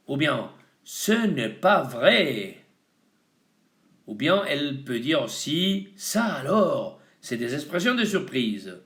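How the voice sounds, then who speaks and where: Slow, lively-voiced man teaching vocabulary. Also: mid-range voice. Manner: slow, deliberate, switching between French and Spanish. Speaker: French teacher. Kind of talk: bilingual vocabulary lesson.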